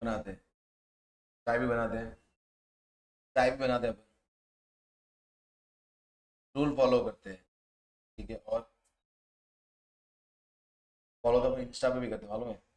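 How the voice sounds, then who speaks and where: A man, teaching a tax class and quizzing students with repeated questions, sometimes dropping to a soft, low voice for asides. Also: level tone, a little slow, long pauses. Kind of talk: classroom lecture. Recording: echoey room.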